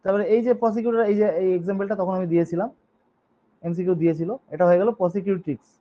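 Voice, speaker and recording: High-voiced male teacher, lo-fi recording. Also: steady tone, racing, warm tone. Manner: spells words letter by letter, checks in with students often; reads rules in English, then explains them in Bengali. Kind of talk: online grammar lesson. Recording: dull lo-fi recording.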